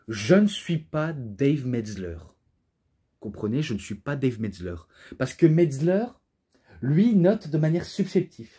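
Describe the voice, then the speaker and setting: Man, imposing voice, mellow tone, casual review, rambling, gets carried away. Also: mid-range voice, slightly rough. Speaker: wrestling DVD reviewer.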